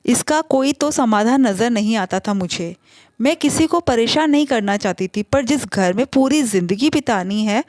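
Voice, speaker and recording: A woman's voice: on the high side, darkish tone, no echo, studio quality. A woman telling a family story in the first person, in a conversational way with small slips.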